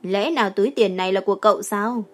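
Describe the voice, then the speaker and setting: A woman's voice: medium pitch, fast, close to an everyday voice. A woman playing a brash, cocky young policewoman.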